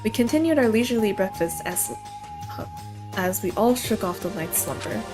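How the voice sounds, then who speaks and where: A woman casually narrating a visual novel and reading its characters aloud, with playful, excitable reactions. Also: mid-range voice, moderate pace, over music.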